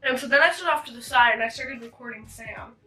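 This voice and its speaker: High bright young woman, rambling. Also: fast talker. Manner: nervous, rambling, many fillers and restarts. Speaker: channel host. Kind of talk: casual storytelling chat. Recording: distant mic with faint music.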